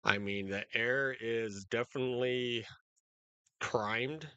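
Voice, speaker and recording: A man hosting live storm coverage in a casual, unscripted, halting way, speaking directly to his viewers. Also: medium pitch, sharp tone, smooth, no room sound, lo-fi sound. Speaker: storm-coverage livestream host.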